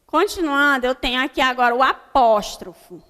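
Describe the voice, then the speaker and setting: A Brazilian woman teaching grammar to young pupils in a high, bright voice. She pronounces example words slowly and deliberately, checking in often with the class. Her voice trails in a long, echoing hall. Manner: slow, deliberate word-by-word dictation with frequent "né?" checks. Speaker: primary school teacher. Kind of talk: recorded online grammar lesson.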